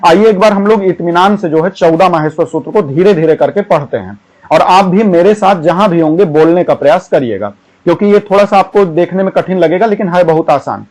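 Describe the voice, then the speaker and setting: A man teaching an exam-prep grammar lesson, chanting syllables slowly one by one and often repeating a filler phrase. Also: high voice, darkish tone, low-quality recording.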